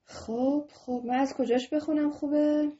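Woman teacher, online class for kids, mellow voice, dull lo-fi call audio, asks the class questions. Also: sits high, fairly even intonation, slight background noise. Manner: talks straight to students, asks them questions. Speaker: religious studies teacher. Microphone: video call.

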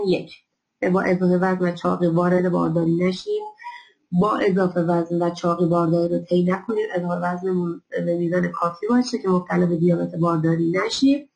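A woman giving a recorded health lecture over slides, explaining step by step and pausing often on fillers. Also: mid-range voice, gravelly, darkish tone, rough recording. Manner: explanatory, many filler pauses.

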